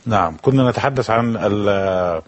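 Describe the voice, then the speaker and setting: A man, a guest scholar explaining in a lecturing way, often pausing and restarting words. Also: on the low side.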